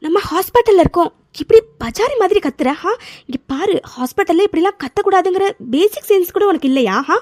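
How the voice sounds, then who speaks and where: A calm, patient young cartoon friend. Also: female voice, very high-pitched, fairly quick, no room sound, studio quality. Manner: calm, coaxing, repeats "ha?".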